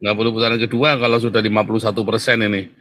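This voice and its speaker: A man's voice: on the low side, level tone, very fast, fairly bright tone. A man hosting a casual monologue, talking emphatically to his audience, tagging lines with a repeated address and laughing at his own remarks. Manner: repeats "saudara ya" constantly, chatty and emphatic. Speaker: host.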